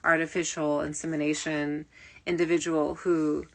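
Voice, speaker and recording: This woman has a low voice with little pitch movement and a moderate pace. Playing a spiritual medium on a late-night stream, she drifts from topic to topic, stumbling through fillers and restarts while faint early-nineties music runs underneath.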